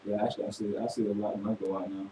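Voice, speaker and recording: Guest rapper from Florida, twenties, flat low voice, off-mic in an echoey room with hiss. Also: male voice. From Florida, USA. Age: 20s. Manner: easygoing, halting. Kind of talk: interview answers. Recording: echoey room from far off, clear noise.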